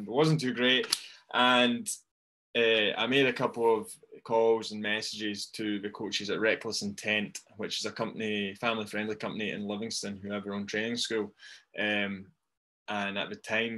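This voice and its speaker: A young man with a Fife accent from Scotland talks casually in an interview. His voice sits a little low and has a bright, forward edge. He comes across as good-humoured and modest about himself. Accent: Fife Scottish. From Dunfermline, Fife, Scotland. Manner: informal, self-deprecating, good-humoured. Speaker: professional wrestler, interview guest.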